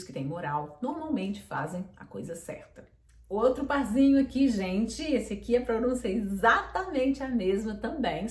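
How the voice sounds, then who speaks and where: Lady teaching english pronunciation, repeats words slow, echoey room, mic kinda far. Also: medium pitch, a little mellow. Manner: patient, repeats words slowly for drilling. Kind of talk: online pronunciation lesson. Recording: roomy echo, mic at a distance.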